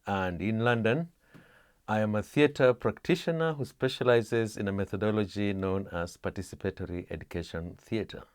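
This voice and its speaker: A middle-aged man talks through his work in a measured way, often pausing on "uh" and restarting phrases. His voice sits low, and the recording is dry and close with little room sound. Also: clean tone, dry recording. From Kenya. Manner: measured, many "uh" pauses and restarts. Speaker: interviewee, theatre practitioner. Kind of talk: explaining his work in an interview.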